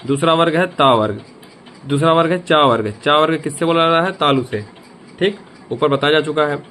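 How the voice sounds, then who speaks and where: A man's voice: a little high, fairly quick, bright, forceful tone, a little hiss or hum. A man teaching a grammar lesson, repeating each point and asking the viewer questions. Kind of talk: grammar lesson explaining a memory trick.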